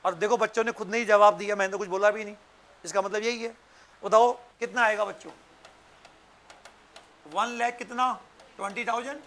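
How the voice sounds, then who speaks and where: Male lecturer, strikingly high and bright voice, teaching through quick-fire questions. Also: fairly even intonation. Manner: quizzing students with frequent short questions. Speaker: accountancy and tax teacher. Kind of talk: interactive lecture.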